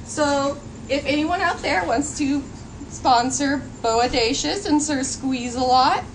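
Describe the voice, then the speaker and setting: A woman's voice: high voice, takes it slowly. A woman presenting her baby snakes on a children's animal show, cheerful and explanatory. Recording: audible background noise.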